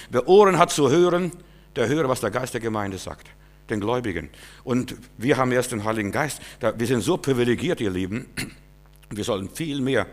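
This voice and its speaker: A man with a mid-range voice preaches a sermon, urging his listeners directly and repeating phrases. He swings between loud, emphatic bursts and quiet asides.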